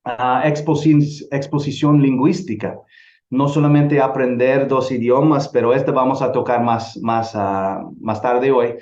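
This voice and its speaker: An earnest middle-aged man from El Salvador lectures to a church group on missions, stopping and restarting his phrases as he thinks. His voice is mellow and dark. The recording sounds roomy and a little dull. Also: mid-range voice, steady tone, unhurried. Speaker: missions teacher.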